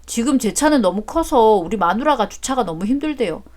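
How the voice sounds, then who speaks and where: A blunt grown-up son, voiced by a woman narrator, answers his father in a flat, cheeky way. The voice is fairly high, and it is a storybook drama. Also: fairly quick, lightly acted.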